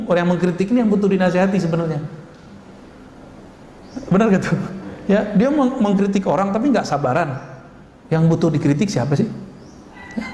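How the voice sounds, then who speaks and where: High-voiced man preaching in echoey hall. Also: a little hiss or hum. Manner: animated, acts out scolding voices, laughs. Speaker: Islamic preacher. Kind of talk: lively sermon with questions to the audience. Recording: echoey hall recording with ambience.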